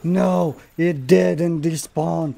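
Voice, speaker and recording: A man's voice: a little high, extremely slow, vocal fry. A man narrating his own gameplay, swearing freely and talking to the monster he fights. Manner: swears often, talks to the monster, excitable outbursts. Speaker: gamer. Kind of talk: live gameplay commentary.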